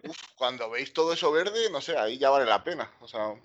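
Lively, enthusiastic man. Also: mid-range voice, a little fast. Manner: enthusiastic, rambling. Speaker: podcast guest. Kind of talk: casual chat. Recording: dull, slightly lo-fi mic.

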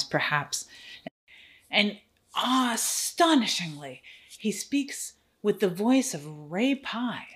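A woman improvising a comic horror crossover tale, rambling wryly with fillers and asides. Her voice sits notably low. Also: fairly bright tone. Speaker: storyteller.

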